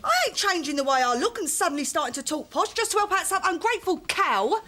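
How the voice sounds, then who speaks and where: A woman's voice: very high-pitched, animated, quick pace, full character voice. An actress with a Cockney accent playing a blunt, stroppy working-class woman in a sitcom, talking brash and swearing freely. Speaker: sitcom character. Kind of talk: studio sitcom acting. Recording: loud background noise.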